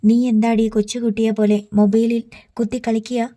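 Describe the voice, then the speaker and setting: A woman's voice: fairly high pitch, flat delivery, moderate pace, no room sound, lightly acted. A woman reading the lines of an angry middle-aged father who scolds his daughter. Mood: scolding. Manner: scolding, forceful.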